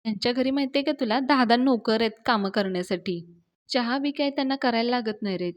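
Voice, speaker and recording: A woman's voice: on the high side, fast talker, natural voice. A woman retelling a story and voicing a young man who earnestly reassures and defends his friend.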